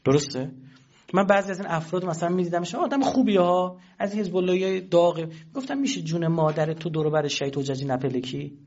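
A man with a husky, slightly high voice gives a casual political talk, pressing his listeners with rhetorical questions. The recording sounds dull and muffled. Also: a little mellow. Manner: emphatic, asks the audience rhetorical questions. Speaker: speaker addressing an audience.

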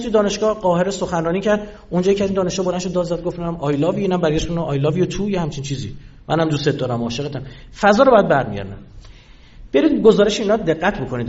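A man giving a lecture to an audience, animated and full of rhetorical questions. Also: a little high. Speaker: political speaker. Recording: dull lo-fi sound.

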